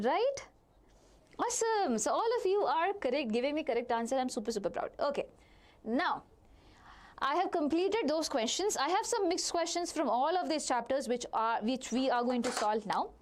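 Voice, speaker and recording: A woman teaching biology in a live online lesson has an Indian accent and a high-pitched, expressive voice at normal speed. Addressing the students directly, she repeats phrases and supplies answers to her own questions.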